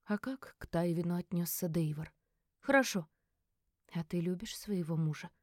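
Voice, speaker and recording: A woman voicing a sly hushed young captive woman. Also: on the low side, lively intonation, normal speed, dry recording, clean studio sound, pitched below the performer's own voice, natural voice.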